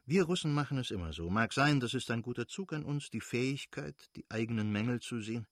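A man reading the part of a confident older brother who lectures in a brisk, assured way. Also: medium pitch, expressive, dry recording, studio quality. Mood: lecturing.

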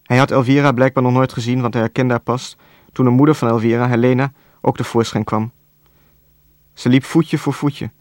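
Calm Dutch-language male audiobook narrator. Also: medium pitch, fairly quick, dry recording, clean studio sound.

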